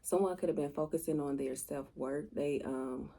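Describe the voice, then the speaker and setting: Low, gravelly, monotone woman. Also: moderate pace. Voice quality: raspy, gravelly. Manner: monotone, matter-of-fact delivery. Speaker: tarot reader hosting a channel. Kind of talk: casual chat to viewers.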